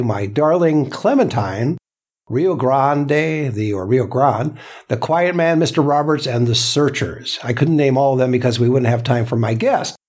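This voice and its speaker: A man hosts an interview show in a medium-pitched, raspy voice. He presents in deliberate phrases, setting out introductions and questions piece by piece. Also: a little mellow. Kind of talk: podcast interview hosting.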